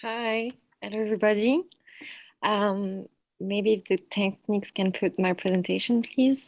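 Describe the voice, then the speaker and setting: A French woman with a French accent giving a friendly conference presentation in English, often pausing on "um" and "uh". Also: medium pitch, steady tone, vocal fry, no room sound. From France. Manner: friendly, with frequent fillers. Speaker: conference speaker.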